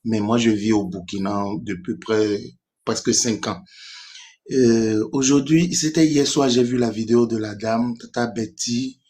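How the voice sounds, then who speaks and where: A man's voice: medium pitch, a little mellow. A young man from Benin with a Beninese French accent, speaking as a caller on a live stream, hesitant with many restarts. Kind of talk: casual call-in talk.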